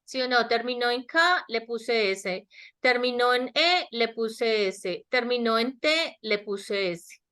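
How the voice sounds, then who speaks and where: A woman's voice: a little high, bright, forceful tone. A woman teaching English grammar in an online class, speaking Spanish with a Latin American accent and often checking that students understand. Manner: slow, explanatory, checks understanding with repeated questions. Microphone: webinar headset or laptop mic.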